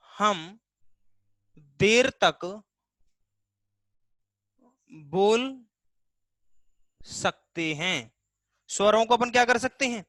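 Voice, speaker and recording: A man's voice: sits high, fairly bright tone, no echo. A man teaching a live online Hindi class, explaining step by step, voicing students' questions himself and stretching vowel sounds to demonstrate them.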